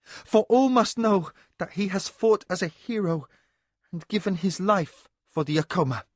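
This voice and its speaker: A proud ruling lady speaks in a higher, lifted voice that swings with feeling, as a male narrator puts her on. Her delivery is imperious and commanding. The recording is close and dry. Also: expressive, measured pace, no echo. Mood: imperious grief. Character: noble ruling lady, grieving yet commanding.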